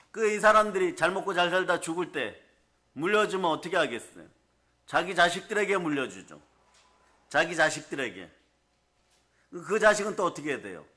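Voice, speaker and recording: A male pastor preaching a sermon to his congregation in a church, often firing questions at them and telling animated stories. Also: a little high. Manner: keeps asking the congregation questions.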